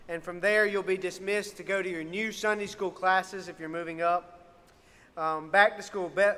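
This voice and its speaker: A man's voice: high-pitched, fairly bright tone, smooth. A man speaking as a youth minister, giving church announcements in an upbeat, informal way. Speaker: youth minister and worship music helper. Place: church sanctuary, amplified. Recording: echoey hall with long reverb.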